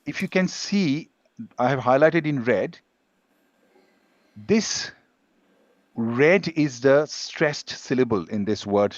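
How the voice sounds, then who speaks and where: A man's voice: mid-range voice, expressive, slow pace, long pauses, no room sound, dull audio. A man teaching an English pronunciation class on a video call, explaining patiently with examples.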